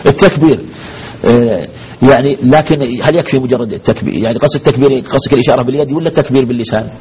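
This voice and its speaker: A man's voice: medium pitch, very fast, slightly rough. A man teaching a religious law lesson as a sheikh, asking his class questions and repeating the key phrases. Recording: dull lo-fi recording with faint noise.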